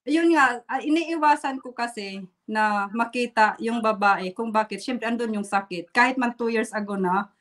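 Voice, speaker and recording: Halting Filipina woman holding back tears. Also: a little high, a bit bright. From Philippines. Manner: halting, fights back tears, laughs nervously. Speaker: interview guest. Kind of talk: emotional personal storytelling. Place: Germany.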